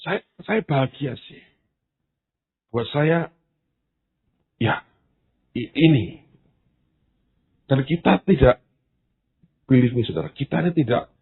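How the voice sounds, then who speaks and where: A man's voice: a little high, gravelly, breathy edge. A man preaching a sermon, telling stories earnestly, with emphasis that rises as he speaks. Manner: earnest storytelling, rising emphasis. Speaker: pastor. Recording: tinny phone-like band.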